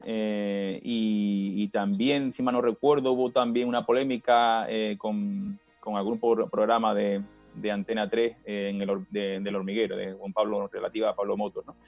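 A man interviewing a guest, asking long, halting questions full of restarts. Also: on the low side, level tone, creaky, no room sound, soft background music. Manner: hesitant, many fillers and restarts. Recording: dry tinny phone-like line.

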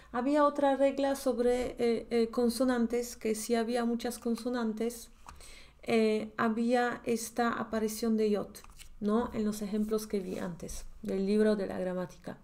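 A woman with a Polish accent, a language teacher thinking aloud as she prepares a grammar lesson, repeating words slowly while she checks them. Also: a little high, darkish tone. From Poland.

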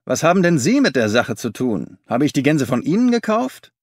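A man voicing an angry male market dealer who shouts and blusters at a pest, in an audiobook reading. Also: a little high, measured pace, no echo, clean studio sound, pitched above the performer's own voice, lightly acted. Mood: furious. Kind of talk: audiobook character voice.

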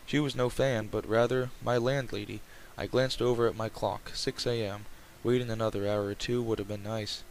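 A man's voice: fairly low pitch, steady tone, moderate pace, hardly any pauses, poor audio. A man reading game text aloud in an informal way, with casual joking asides. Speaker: let's player reading a visual novel aloud. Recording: clear background noise, game ambience.

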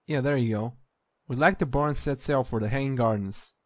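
A man's voice: mid-range voice, brisk, dry recording, clean studio sound. A man giving casual, sweary playthrough commentary, reacting aloud as he plays a game. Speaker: gamer. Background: game music.

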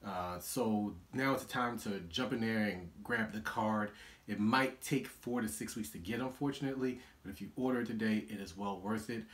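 A young man hosting his own vlog, reviewing a movie in an animated, exasperated rant with sarcastic asides. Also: lowish voice. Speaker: vlog host.

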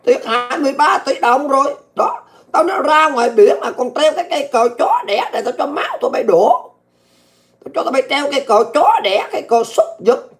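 A woman delivering angry political commentary, ranting abusively and often shouting. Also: high voice, very animated, fairly quick. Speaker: political vlogger.

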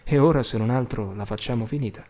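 A man's voice: mid-range voice, fast, mellow, close to an everyday voice. A man voicing a worried, hesitant father in an audiobook, speaking in a resigned way. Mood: relieved.

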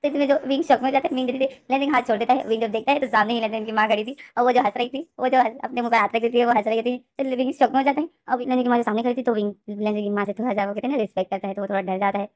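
A woman retelling her own fan-fiction story in a rapid, repetitive narration. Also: on the high side, steady tone, a little mellow, no echo, studio quality.

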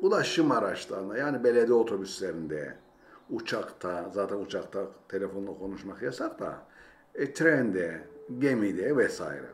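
A man's voice: on the low side, big pitch swings, moderate pace, a little hiss or hum. A man teaching a language lesson, saying each phrase twice and then translating it. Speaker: Arabic teacher. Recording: roomy echo, faint ambience.

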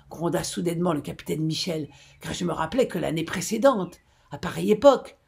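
A woman's voice: on the low side, gravelly, slightly rough, exaggerated voice. A woman playing a growling, grim old sea captain. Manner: grave, growling, bursts into angry shouts. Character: grim, hot-tempered old sea captain telling a horror tale.

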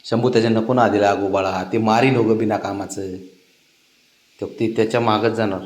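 A man's voice: on the low side, steady tone, normal speed, a little mellow. A man talking to his pet cat at home, coaxing it in a sing-song, pet-talk way. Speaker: pet owner.

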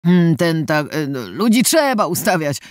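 Man doing a bullying pizzeria boss, blustering, stammering, lively pitch swings, dry sound. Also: measured pace, dry recording. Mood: flustered. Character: fat, bullying pizzeria boss, cowardly when confronted.

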